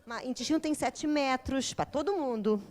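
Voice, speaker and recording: High-pitched, animated Brazilian woman lecturing. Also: moderate pace. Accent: Brazilian Portuguese. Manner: animated and humorous, acts out quoted voices. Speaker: lecturer of a spiritist psychology course. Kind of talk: informal classroom lecture with storytelling.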